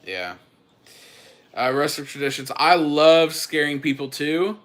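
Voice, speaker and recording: A young man hosts a relaxed family livestream from his homestead. He greets viewers by name and pokes fun at himself, and his voice has a bright edge. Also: on the high side, unhurried. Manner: chatty, greets viewers by name, self-teasing. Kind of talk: casual livestream chat.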